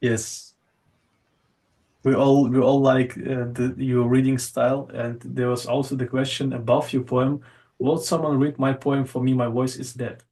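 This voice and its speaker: Gravelly man hosting a poetry call. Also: mid-range voice, little pitch movement, unhurried, mellow. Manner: hesitant, repeats words while thinking. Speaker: host of an online poetry session. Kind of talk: casual group chat.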